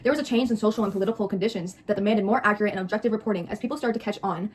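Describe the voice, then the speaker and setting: A woman's voice: mid-range voice, rapid-fire, heavy background noise. A young woman co-hosting a video, moving between scripted explaining and playful, theatrical teasing. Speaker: co-host of a mukbang video.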